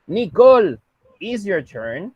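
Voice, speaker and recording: Husky-voiced teacher explaining patiently. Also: male voice, high voice, very animated, slow pace, no echo, dull audio. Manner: patient, explains step by step and mixes Spanish with English. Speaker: English teacher. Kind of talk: online English class.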